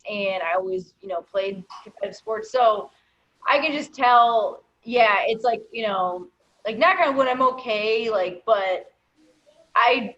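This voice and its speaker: A woman talking in a casual video call discussion, rambling with many fillers and sometimes trailing off quietly. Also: on the high side, muffled recording. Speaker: comedian and guest.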